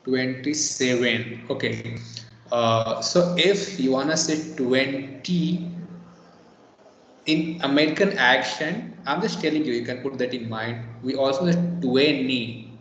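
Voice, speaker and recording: A man's voice: medium pitch, a little slow, fairly bright tone, a little hiss or hum. A man tutoring a student in on a video call, patiently explaining and repeating words to model their sound. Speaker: English teacher. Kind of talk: online one-on-one tutoring. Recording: echoey, dull video call audio.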